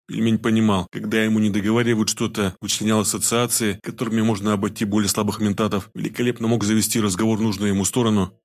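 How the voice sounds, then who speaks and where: A man narrating a gritty audiobook in a steady storytelling voice with street slang. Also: on the low side. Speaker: audiobook reader. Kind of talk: scripted narration.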